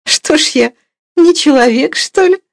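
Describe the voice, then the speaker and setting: A woman voicing a proud, playful young merchant's wife who teases in bright, raised exclamations. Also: high-pitched, unhurried, vocal fry, pitched above the performer's own voice.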